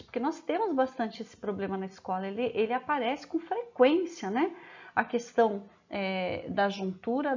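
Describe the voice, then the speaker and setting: A woman with a Brazilian Portuguese accent gives a training lesson to teachers. She explains step by step, often ends phrases with a questioning "né?", and slows down when she dictates examples. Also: medium pitch, muffled recording.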